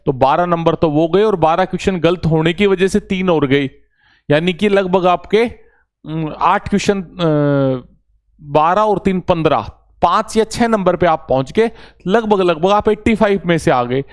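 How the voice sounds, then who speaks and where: High-voiced coaching teacher, chatty. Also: male voice, a little slow. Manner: familiar, reassuring, often says brother. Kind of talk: casual exam-update talk to students.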